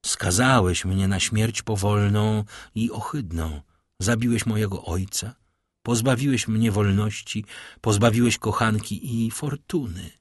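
A man voicing a grave, vengeful male count who speaks in a low, measured, solemn way. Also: no echo, studio quality.

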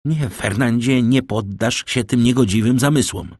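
Brief: proud young village woman, firm and earnest, lifted pitch, read by a man. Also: moderate pace, darkish tone, no room sound, clean studio sound, close to an everyday voice. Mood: passionate.

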